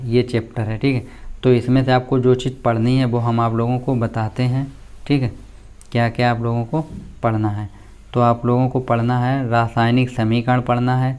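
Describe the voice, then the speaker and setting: A man's voice: medium pitch, a little mellow, smooth. A man, a teacher explaining a school syllabus to students and often checking in with them as he goes. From India. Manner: plain explaining tone with frequent check-ins.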